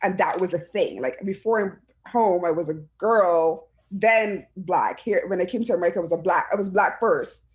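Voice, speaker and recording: A woman's voice: lowish voice, moderate pace, hardly any pauses. A woman from Barbados, speaking earnestly and from the heart as a panelist on a video call, often restarting her phrases. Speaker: panelist, education administrator. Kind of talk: reflective personal talk on a panel.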